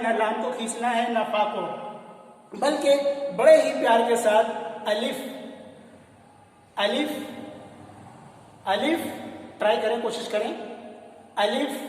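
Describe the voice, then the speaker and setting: A man teaching the reading of Arabic letters, patiently repeating each sound for learners to copy. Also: extremely high pitch. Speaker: Islamic teacher. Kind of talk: Quran reading lesson. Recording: echoey hall from far off.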